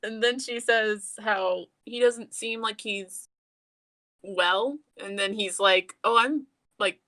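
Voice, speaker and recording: A woman's voice: mid-range voice, fairly even intonation, slow pace, a bit bright, dry recording. A young woman co-hosting a casual podcast, retelling scenes and acting out the characters' lines with laughter. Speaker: podcast co-host. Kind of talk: casual anime recap chat.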